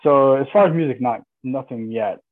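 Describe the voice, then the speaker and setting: A man's voice: mid-range voice, normal speed. Hesitant man on a tinny line. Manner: hesitant, many restarts and fillers. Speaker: podcast guest, musician and filmmaker. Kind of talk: casual interview chat.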